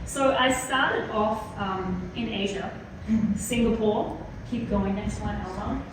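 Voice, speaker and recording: A woman with an Australian accent gives a chatty, enthusiastic keynote to a small audience in a lecture hall, using plenty of fillers. Her mid-range voice is slow, recorded from a distance in a very echoey hall with a noisy background.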